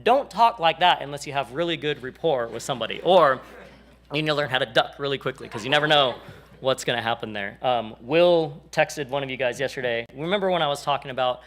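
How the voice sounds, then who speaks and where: A man's voice: medium pitch, brisk, fairly bright tone. A man in his forties teaching a church class in a casual, jokey way, acting out the people he quotes.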